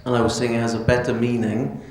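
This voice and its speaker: A man's voice: medium pitch, level tone, quick pace, darkish tone. A man explaining things dryly on a panel. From Wales. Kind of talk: panel introduction. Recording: echoey hall with hum.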